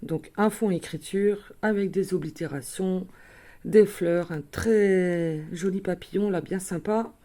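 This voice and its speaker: In a casual show-and-tell, a woman shows viewers her craft purchases, chatting with many fillers and small self-corrections. Her voice is fairly low-pitched and dark, and she speaks a little slowly.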